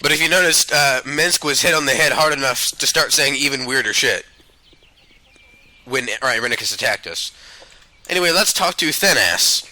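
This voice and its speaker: Bright, dry-voiced man commenting on a game. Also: mid-range voice, expressive, normal speed, no echo, rough recording. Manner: casual, swears freely. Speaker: let's play host. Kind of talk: casual gaming commentary.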